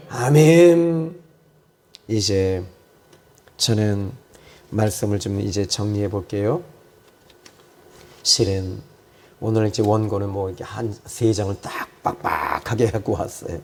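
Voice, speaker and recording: A male pastor preaching a sermon and praying, swinging from loud fervent repetition to quiet, low reflection. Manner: repeats phrases for emphasis. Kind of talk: sermon with prayer.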